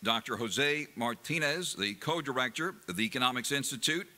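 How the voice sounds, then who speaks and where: A man emceeing an event, reading formal introductions in a measured, scripted way. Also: mid-range voice, pushed and bright. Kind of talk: scripted announcing.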